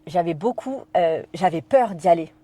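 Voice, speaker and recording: A woman from France speaks as a podcast guest, recounting a personal story. Her voice sits low and sounds mellow. She hesitates often, fills gaps with fillers and quotes her own thoughts aloud. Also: animated, normal speed.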